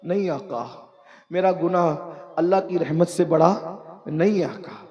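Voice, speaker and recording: A broken young man begs and weeps, circling back to the same words. A preacher gives him voice high and strained. The recording is dull and lo-fi. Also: dark tone, soft background music, close to an everyday voice. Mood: pleading. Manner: pleading, broken, repeating himself. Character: weeping young male sinner, ashamed.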